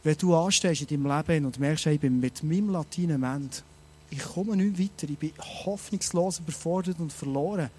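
A man preaching a sermon, animated and speaking straight to his listeners with many rhetorical questions. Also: on the high side, normal speed, slightly rough.

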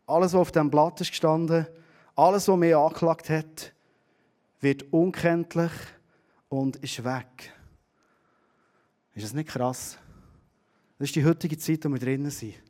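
A middle-aged man preaches with a Swiss German accent, telling stories animatedly and shifting from loud to hushed. His voice is fairly high, his pace a little slow, and he leaves long pauses.

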